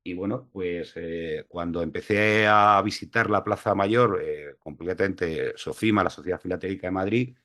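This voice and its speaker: Low-voiced guy from la mancha lecturing online, lots of ums, video call mic. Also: normal speed, few pauses, sharp tone. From La Mancha, Spain. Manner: hesitant, many fillers.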